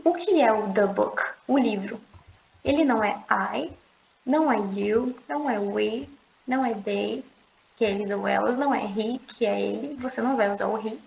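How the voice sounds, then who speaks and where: A young woman teaching an online language lesson, explaining patiently and repeating slow, drawn-out pronunciation examples. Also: on the high side, gravelly, a little hiss or hum. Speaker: English teacher. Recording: echoey room, dull lo-fi sound.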